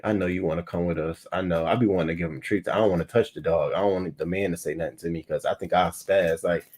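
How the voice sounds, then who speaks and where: Livestream host, man, thirties, low husky voice, loose profane chatter with loud outbursts. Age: 30s. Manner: loose, profane and animated, often bursting louder. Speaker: host of a livestream morning show. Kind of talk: casual livestream chat.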